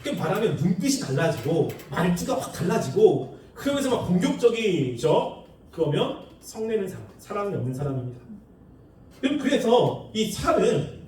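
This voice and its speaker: A man preaches with a high, animated voice that swings up and down, acting out quoted people with bursts of laughter. He is heard from a distance in a very echoey hall, with a faint hiss behind him. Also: moderate pace. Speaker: pastor. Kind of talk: sermon. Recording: echoey room, far from the mic.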